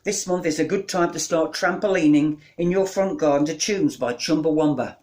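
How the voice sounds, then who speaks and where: A man performing his own comic writing with a deadpan delivery. His voice sits a little high, and he rattles through long lists at a brisk clip. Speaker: spoken-word performer.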